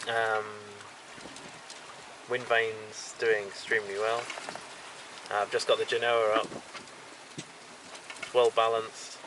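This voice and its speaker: Sailing solo, a vlogger records a casual video diary outdoors on a small sailboat at sea, speaking haltingly with lots of ums and restarts. His voice is on the low side with little pitch movement, and wind, water and boat noises run through the recording.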